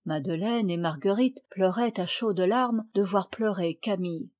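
A woman narrating a children's classic as an audiobook, with a clear, expressive reading. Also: medium pitch, a little slow. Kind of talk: storybook reading.

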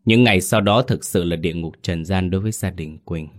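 A man reading a horror story aloud in a slow, dramatic storytelling manner. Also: low-pitched. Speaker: narrator. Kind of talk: scripted horror narration.

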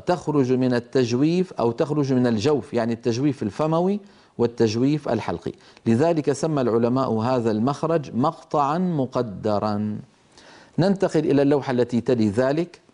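Mellow-voiced man teaching phonetics slowly. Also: medium pitch. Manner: slow, explanatory, with hesitant restarts and demonstrated sounds. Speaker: Quran recitation teacher. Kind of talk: lecture on tajweed phonetics.

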